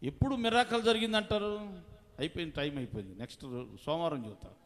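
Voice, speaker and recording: A male pastor preaching a fasting prayer sermon. He swings from soft asides to loud proclaiming and calls on the congregation for hallelujahs and clapping. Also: fairly high pitch. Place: church hall. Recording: long church hall reverb.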